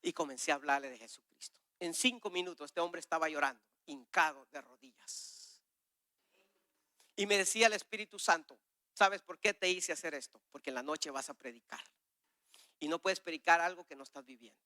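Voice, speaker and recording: A man preaching a sermon with a personal testimony, swinging between loud, urgent exhortation and hushed, confessional asides as he acts out conversations. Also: a little high, fairly quick, no room sound, clean studio sound. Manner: acts out dialogues with God and others.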